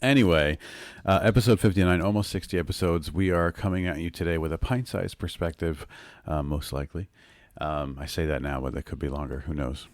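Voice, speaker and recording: A man's voice: low-pitched, fairly even intonation, brisk, hardly any pauses, no room sound, studio quality. A man co-hosting a casual podcast with his wife, playful and teasing, laughing easily. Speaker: podcast co-host. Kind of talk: casual chat.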